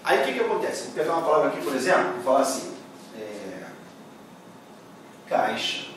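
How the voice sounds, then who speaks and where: A Brazilian man lecturing on grammar, with his somewhat high voice ringing around a bare room. He sits a little away from the mic, and a faint hum of room noise runs under him. He keeps checking in with his students as he goes. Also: very animated, fast talker. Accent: Brazilian Portuguese. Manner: patient, checks in with "beleza?" and "tá?". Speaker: Portuguese exam-prep teacher. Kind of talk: classroom lecture explaining grammar. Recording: echoey room, voice from a distance.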